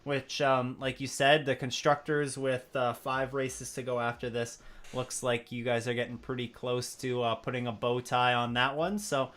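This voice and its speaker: A man's voice: mid-range voice, little pitch movement, moderate pace, a bit bright. A man hosting a racing league broadcast, interviewing drivers in an upbeat, rambling way. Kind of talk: post-race interview.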